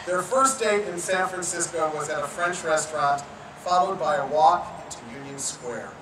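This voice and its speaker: Wedding officiant, teasing storyteller, outdoor garden ceremony, distant mic, noisy. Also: mid-range voice. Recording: echoey, distant outdoor sound with noise.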